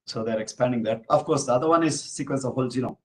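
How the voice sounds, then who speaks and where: An invited genomics professor from Bangalore, India, fields questions after his lecture in an office hall before an audience. Speaking very fast at a medium pitch, he walks through each step, peppering his answers with "you know" and "uh."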